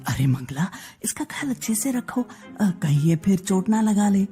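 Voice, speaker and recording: A woman voicing a gentle, gullible husband and father, speaking softly and mildly. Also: sing-song, normal speed, faint music behind, natural voice. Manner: soft, lowered, mild-mannered speech. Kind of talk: storybook character acting.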